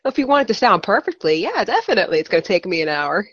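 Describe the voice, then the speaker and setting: A woman's voice: medium pitch, sing-song, racing, a bit bright, no echo, muffled recording. A woman co-hosting a casual podcast while sick with a cold, playful and jokey. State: sick, voice a bit husky from a cold. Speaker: podcast co-host.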